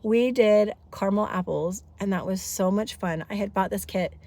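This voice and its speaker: A woman's voice: medium pitch, normal speed, warm tone. A woman in her thirties chatting casually in a family vlog, congested from a head cold, talkative and rambling with lots of asides. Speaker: family vlogger.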